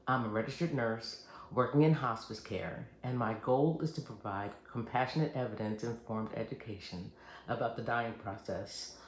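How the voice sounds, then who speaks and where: A man speaking as a hospice nurse and host, giving scripted educational narration in a measured, earnest, reassuring way. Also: medium pitch. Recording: roomy echo, faint background noise.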